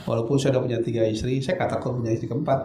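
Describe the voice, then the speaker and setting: A man's voice: mid-range voice, little pitch movement, racing, warm tone, roomy sound. A man giving a candid, earnest testimony as a guest on a talk show, acting out quoted lines with animation.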